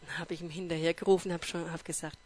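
A woman telling her personal faith testimony in a lively way, acting out dialogue and turning earnest and emotional when she reflects. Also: lowish voice, fast. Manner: lively storytelling that acts out dialogue.

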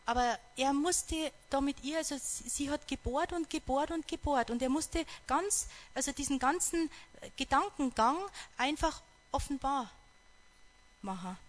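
A woman with a fairly high voice retells a story as part of a devotional talk. She is earnest and reflective, breaking off mid-sentence and starting again as she works through her thoughts. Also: a little slow. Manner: earnest, reflective, stops and restarts often.

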